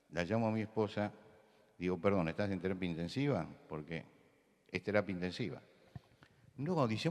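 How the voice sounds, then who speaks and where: A man's voice: low-pitched, in a large hall. An older man from Buenos Aires with a Rioplatense accent, preaching a sermon in a conversational storytelling way that rises to emphatic points. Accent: Rioplatense Spanish. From Buenos Aires, Argentina. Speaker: pastor. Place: large church hall.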